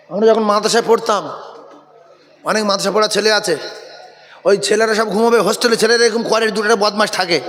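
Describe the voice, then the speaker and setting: A man from preaching a lively sermon, playfully telling stories and calling on the crowd to repeat after him. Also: high-pitched, big-room sound. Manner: animated, calls on the crowd to repeat loudly. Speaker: Islamic preacher. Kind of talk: Bengali waz sermon.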